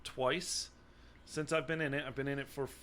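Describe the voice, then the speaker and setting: A man co-hosting a casual podcast chat, emphatic and building up loudly when he gets going. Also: medium pitch, fairly even intonation, normal speed, slight background noise. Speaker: podcast co-host. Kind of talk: casual fantasy football chat.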